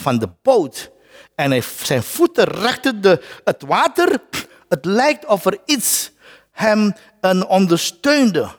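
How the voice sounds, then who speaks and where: Lively-pitched man preaching in reverb. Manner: repeats words while searching, dramatic shifts in pitch and pace for quotes. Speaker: pastor. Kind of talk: sermon. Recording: long hall reverb.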